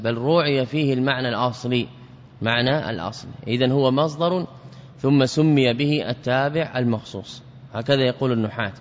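A man's voice: medium pitch, slight background noise. Man teaching grammar, echoing and lo-fi. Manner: explains by repeating words and asking himself questions. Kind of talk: classical lecture. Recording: dull lo-fi audio with reverb.

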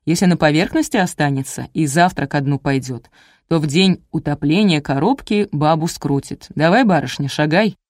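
A woman's voice: sits low, moderate pace, darkish tone, dry recording, studio quality. A woman voicing a sly old male village sorcerer who swindles people, with a sing-song, falsely sweet folksy patter. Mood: wheedling.

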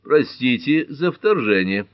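A courteous, formal police chief, as a male narrator reads him, slightly brighter than the narrator's own low voice. The audiobook recording is dry and somewhat dull. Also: sing-song, slow pace, no room sound. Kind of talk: audiobook character voice.

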